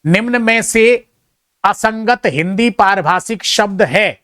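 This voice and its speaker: A man with a somewhat higher voice works through exam questions, reading each option aloud and then giving his verdict. He drops in modest, chatty remarks to his students between answers. The sound is dry and close, with almost no room in it. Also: slow, a bit bright, no echo. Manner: self-deprecating, chatty asides to students. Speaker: teacher. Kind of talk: exam answer-key walkthrough.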